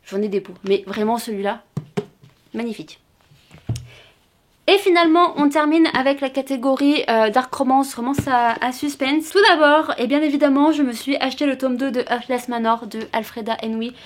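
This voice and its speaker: A woman's voice: high-pitched, normal speed. A woman from France chatting casually in a book haul vlog, gushing with frequent exclamations and restarts. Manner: gushing, exclaims often, many fillers and restarts. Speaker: booktuber vlogging a book haul. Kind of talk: casual chat.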